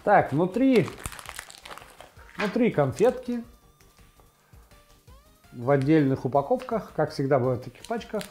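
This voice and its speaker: Male food-tasting host, 40s, casual and halting, lapel mic in a kitchen, music behind. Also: a little high, very animated, a little mellow. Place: indoor home kitchen. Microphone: lavalier clipped to T-shirt.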